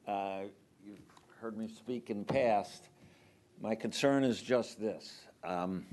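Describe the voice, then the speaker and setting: An older man speaking off the cuff at a city council meeting, halting with frequent ums and restarts. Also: deep voice, darkish tone. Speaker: public commenter. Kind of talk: unscripted public comment.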